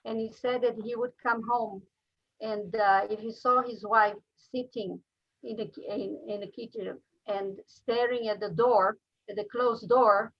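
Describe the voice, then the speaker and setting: A woman with a slightly high voice tells a short anecdote to fellow writers. She takes her time and speaks calmly. The audio is dull and lo-fi. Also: a little slow. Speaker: author in a writing group. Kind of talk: casual video-call chat.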